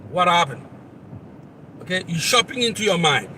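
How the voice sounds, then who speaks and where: A man's voice: sits high, big pitch swings, normal speed. A man from Haiti with a Haitian accent, hosting a live motivational talk and speaking straight to the listener in an earnest, repetitive way. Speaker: motivational coach and channel host. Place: outdoors near traffic, on the road. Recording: distant mic with loud traffic noise.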